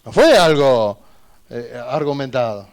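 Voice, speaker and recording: A man's voice: mid-range voice, very animated, a little slow. A man, a defense lawyer giving an emphatic, argumentative closing argument in a courtroom, repeating points for emphasis.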